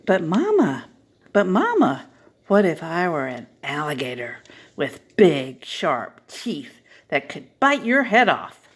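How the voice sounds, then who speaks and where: A woman's voice: low voice, huge pitch swings, slow, slight background noise, heavily acted. A woman reading a picture book as an eager, inquisitive small child pleading with a parent. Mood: eager, questioning. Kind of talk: picture-book read-aloud.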